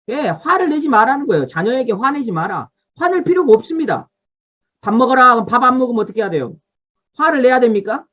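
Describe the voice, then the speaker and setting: Over a video call, a woman pastor with a fairly high, fairly bright voice leads an online revival Bible study. She teaches from a study guide, tells listeners what to underline, and asks the congregation to respond.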